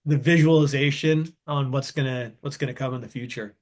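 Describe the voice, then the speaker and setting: A man's voice: medium pitch, fairly even intonation, brisk. A man in his thirties, co-hosting a podcast in casual chat, rambling and enthusiastic with frequent restarts. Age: 30s. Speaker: podcast co-host.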